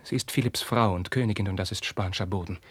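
An actor playing a young prince torn by forbidden love, declaiming classical verse with passion and dropping into hushed whispers. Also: male voice, sits low, fast, breathy edge, no echo. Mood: tormented. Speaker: actor in a radio play. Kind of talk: classical verse radio drama.

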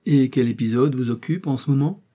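Man reading as kindly old squire, mellow, slightly husky, audiobook. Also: medium pitch, brisk, pitched above the performer's own voice, natural voice. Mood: doting. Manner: warm, doting. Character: fond old English country gentleman.

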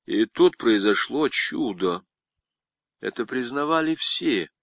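A man narrating an audiobook in an expressive, ironic storytelling manner. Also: medium pitch, slow, gravelly, dry recording.

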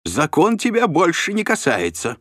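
A man voicing a short, self-important male official who shrieks orders in a shrill, pompous way, in an audiobook reading. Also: very animated, a little slow, dry recording, clean studio sound. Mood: shrill commanding.

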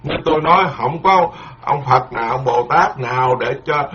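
On a dull, lo-fi recording with a little hiss or hum, a monk lectures on the dharma at a moderate pace. His voice sits at medium pitch, and his style is folksy and forceful, circling back on points and sprinkling in proverbs.

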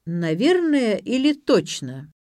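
A woman's voice: a little high, very animated, slow, mellow, no room sound, studio quality, voice pushed up. A woman voicing a cold, demanding man speaking on the phone, curt and commanding.

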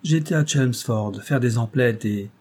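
A man's voice: medium pitch, a little slow, darkish tone, lightly acted. A man reading a classic novel aloud, voicing a sly young wife who answers her husband with hesitant, embarrassed replies. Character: young charming lady, evasive and sly. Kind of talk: audiobook character reading.

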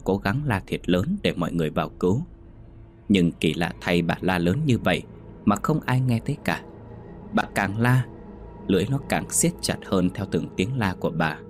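Low-voiced storyteller. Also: male voice, slight background noise. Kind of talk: ghost story narration.

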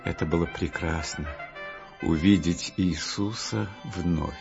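Slow, gravelly male storyteller. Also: low voice. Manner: slow, measured reading. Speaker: audiobook narrator. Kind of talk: storybook narration of Bible stories. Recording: dull lo-fi audiobook with soft music.

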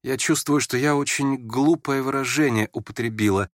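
A man's voice: mid-range voice, normal speed, no room sound, clean studio sound, pitched above the performer's own voice, natural voice. A man reading an audiobook, voicing a proud, impulsive young woman who flares up and then turns shy. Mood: embarrassed. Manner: sharp, flustered, switching between scorn and shyness.

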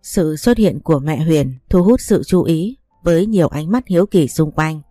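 A woman reading a dramatic story in steady narration. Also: low-pitched, moderate pace, no echo, faint music behind. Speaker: audiobook reader.

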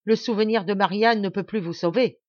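A woman voicing a proud young marquis who speaks calmly and with restraint, in a dry home recording. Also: normal speed, no room sound, lo-fi sound, natural voice. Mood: shrill. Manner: calm, restrained, then shrill and cutting.

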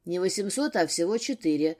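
A woman voicing a gruff, grumbling older brother in an audiobook. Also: fairly low pitch, lively intonation, brisk, darkish tone.

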